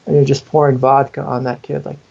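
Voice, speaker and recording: A man's voice: medium pitch, flat delivery, brisk, gravelly, husky, dull audio. A man who is a spiritual teacher, answering in an interview in an earnest, intimate way and sometimes acting out the inner voices he describes.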